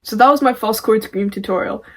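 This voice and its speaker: A woman's voice: on the high side, fairly quick, heavy background noise. A woman presenting a tutorial casually, with an informal, self-deprecating way of talking. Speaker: amateur vocalist presenting a tutorial.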